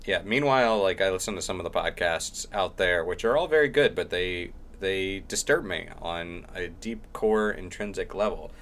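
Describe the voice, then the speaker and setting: Rambling, lower-voiced middle-aged man. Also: normal speed, hardly any pauses, a bit bright. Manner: rambling, self-deprecating. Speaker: podcast host. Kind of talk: casual chat.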